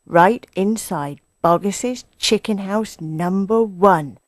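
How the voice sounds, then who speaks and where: A woman's voice: mid-range voice, slow, no echo, studio quality, close to an everyday voice. A woman voicing a sly, confident male fox in a children's story, suave and assured. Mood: conspiratorial.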